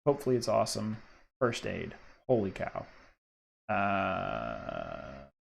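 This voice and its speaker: A man giving casual, excitable play-by-play of a solo card game, talking his choices through to himself. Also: deep voice, slow, vocal fry. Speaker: solo board game player and host.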